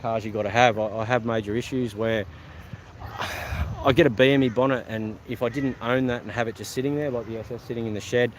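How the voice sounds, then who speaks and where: A man's voice: medium pitch, steady tone, brisk, slight background noise, rough recording. A man with an Australian accent, live-streaming casual chat to viewers at an outdoor car show, rambling with lots of ums and restarts.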